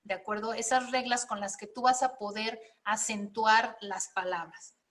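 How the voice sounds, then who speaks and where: A woman's voice: a little high, steady tone, moderate pace, a bit bright. A woman teaching a spelling and writing class, explaining step by step and often checking in with her students. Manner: explanatory, checks in with frequent questions.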